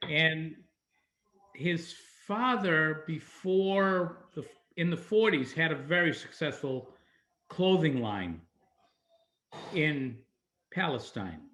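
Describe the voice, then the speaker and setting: A man of Greek origin, a civil engineer, chatting on a video call in slow, searching phrases. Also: fairly high pitch, expressive, fairly bright tone. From Greece. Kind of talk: casual video-call chat.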